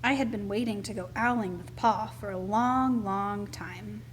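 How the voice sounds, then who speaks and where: Slow-paced woman reading a storybook aloud. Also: medium pitch, a little hiss or hum. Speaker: reader of a children's picture book aloud. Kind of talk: expressive storybook read-aloud.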